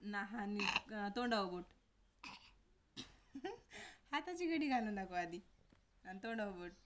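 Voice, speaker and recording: A woman's voice: mid-range voice, expressive, normal speed, a little hiss or hum. A woman filming at home, chatting with a small child and coaxing her with repeated questions. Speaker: family member filming a toddler. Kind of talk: casual chat with a small child.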